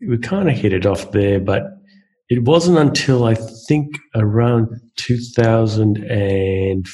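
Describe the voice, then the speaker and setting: A man with a low, warm, husky voice hosts a casual podcast chat, introducing a guest in a loose and hesitant manner. His introduction is filled with fillers and restarts, and the audio quality is poor.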